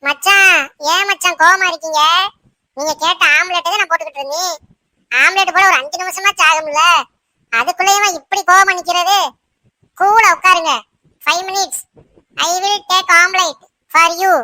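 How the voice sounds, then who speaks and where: Woman doing a squeaky, sweet cartoon wife, very high and bright, coaxing. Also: moderate pace, long pauses, no room sound, studio quality, exaggerated voice. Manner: coaxing, sing-song, mixes in English words. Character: sweet-talking young wife, playful, flustered. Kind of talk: cartoon voice acting.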